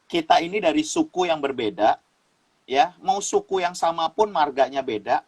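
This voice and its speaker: Husky guy from sumatra preaching casually on a talk show, voice jumps all over, laughs a lot. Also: a little high, moderate pace, rough recording. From Sumatra, Indonesia. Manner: lively preacher-style explaining with laughs and repeated phrases. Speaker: guest youth speaker.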